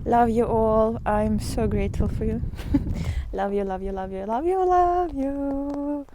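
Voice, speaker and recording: There's background noise as a woman with a fairly high voice vlogs on a walk. She gives followers a loose spiritual talk, pausing at length and speaking in a halting, reflective manner.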